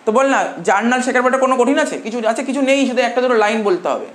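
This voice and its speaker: A male commerce tutor from India giving a classroom lecture, dictating notes slowly with repeated phrases and quizzing his students as he goes. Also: extremely high pitch, a bit bright. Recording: roomy classroom echo, faint hum.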